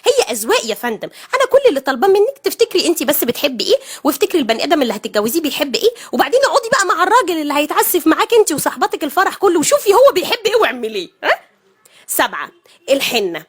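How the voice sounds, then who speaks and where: A woman's voice: high-pitched, very animated, rapid-fire. A woman with an Egyptian accent giving a sarcastic, mock-lecturing comedic monologue to the camera, firing rhetorical questions at the viewer. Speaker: comedic vlogger.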